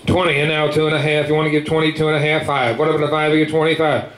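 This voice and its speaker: Male auctioneer, slightly high-pitched, rolling repetitive bid chant; echoey, noisy room. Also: level tone, rapid-fire, fairly bright tone. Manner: repetitive patter with filler words between numbers. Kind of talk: rapid rhythmic auctioneer chant calling bids. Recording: echoey room with clear background noise.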